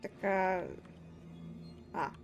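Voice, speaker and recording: Gravelly woman muttering gameplay asides. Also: mid-range voice, steady tone, very slow, soft background music. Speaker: streamer. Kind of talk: casual gameplay commentary.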